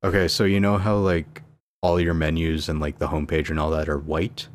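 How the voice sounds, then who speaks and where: A man's voice: rumbling low, level tone, a little fast, slight background noise. A man co-hosting a casual gaming chat, explaining console settings step by step and swearing casually. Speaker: podcast co-host. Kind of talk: casual chat about video games.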